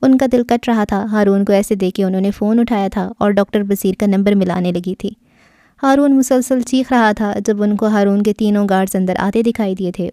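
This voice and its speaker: A woman's voice: mid-range voice, dark tone, dry recording, studio quality. A woman narrating an audio novel, reading steadily and expressively.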